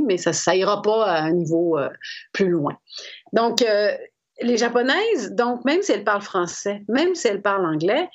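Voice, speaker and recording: Québécois woman explaining with many pauses. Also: medium pitch. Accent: Québécois French. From Quebec. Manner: thoughtful, hesitant with frequent fillers. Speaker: guest expert on Japan. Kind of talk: conversational explanation. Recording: slightly dull lo-fi audio.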